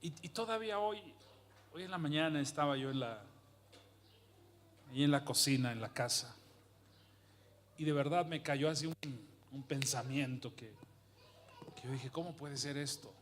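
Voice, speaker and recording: A man preaching a sermon with passion, asking rhetorical questions and swinging from hushed to loud. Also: mid-range voice, normal speed, long pauses.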